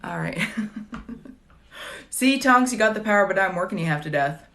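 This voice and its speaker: A woman's voice: medium pitch, expressive, normal speed, fairly bright tone. A woman in her late thirties chatting casually on a livestream, wry and digressive with dry jokes, answering viewer questions between fillers and restarts. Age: late 30s.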